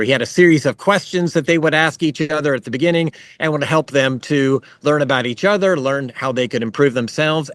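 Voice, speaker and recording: A man's voice: mid-range voice, a bit bright, dry recording, studio quality. Man giving a chatty history lecture. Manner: conversational, with fillers and asides. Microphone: video call.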